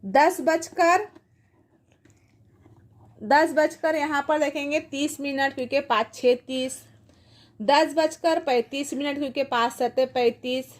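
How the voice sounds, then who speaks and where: A woman's voice: sits high, steady tone, takes it slowly, long pauses. A woman teacher explains clock times step by step, patiently asking questions and answering them herself. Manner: patient, asks and answers her own questions. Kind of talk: classroom math lesson.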